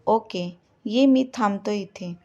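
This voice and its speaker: A woman's voice: medium pitch, slow, warm tone, muffled recording. A woman voicing a young man in a storybook reading, an easygoing friend who reassures and offers help. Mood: reassuring.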